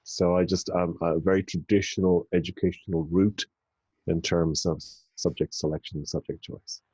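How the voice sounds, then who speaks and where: A middle-aged man with an Irish accent, a psychology academic answering interview questions in a measured, thoughtful way, often pausing with ums and restarting phrases. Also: sits low, level tone, dark tone, husky, dry recording, muffled recording. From rural Ireland.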